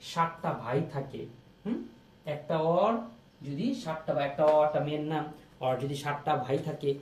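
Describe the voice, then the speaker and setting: A young male teacher, giving a lively exam-prep lesson and repeating questions to his students. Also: high voice, recorded from a distance. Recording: echoey room, off-mic.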